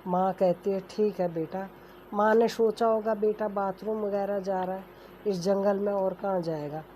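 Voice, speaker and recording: A woman's voice: medium pitch, fairly even intonation, measured pace, mellow, low-quality recording. A woman telling a family folk story in a plain, homely, conversational way. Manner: plain homely telling, voices characters lightly without changing voice. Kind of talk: casual oral storytelling. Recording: faint background noise.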